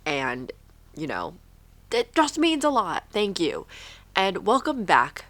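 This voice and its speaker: Slow and with wildly swooping pitch, a woman with a lowish, fairly bright voice rambles through a casual chat on her home podcast. She is stuffed up, so she sounds noticeably nasal.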